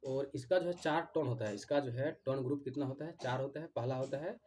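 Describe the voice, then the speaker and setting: A man teaching an exam-prep class, mixing Hindi and English and slowly repeating key terms. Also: medium pitch, darkish tone, slight background noise. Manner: repeats key terms slowly, often adds "theek hai".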